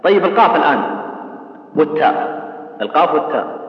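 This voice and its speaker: Echoey tajweed teacher. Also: male voice, on the high side, animated. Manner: asks the class questions and answers them himself, drawing out example words slowly. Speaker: Quran recitation teacher. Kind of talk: tajweed lesson explaining and demonstrating pronunciation. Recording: distant, echoey hall, dull sound.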